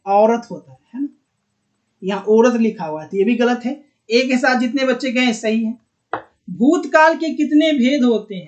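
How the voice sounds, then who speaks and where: Bihari hindi guy running an exam prep class, keeps repeating words and quizzing students. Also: very high-pitched. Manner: coaxing, repeats words and asks students questions. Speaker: teacher. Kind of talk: online exam-prep lesson.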